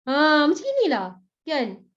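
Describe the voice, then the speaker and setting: A woman giving a religious motivational talk, animated and chatty, often asking her audience questions. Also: high-pitched, measured pace. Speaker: motivational speaker. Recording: dull, muffled recording.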